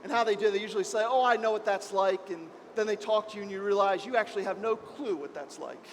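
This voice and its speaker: A man preaching as pastor, impassioned, moving between hushed and raised passages. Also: high voice, quick pace, big-room sound, slight background noise. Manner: impassioned, swings between soft and loud. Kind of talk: sermon. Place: church.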